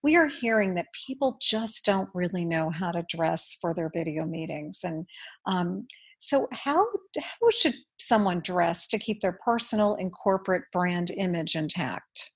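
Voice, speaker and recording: A woman's voice: fairly low pitch, lively intonation, unhurried, husky. A woman hosting a podcast, reading a polished introduction and then asking questions with some fillers. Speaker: podcast host. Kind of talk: scripted introduction and interview questions.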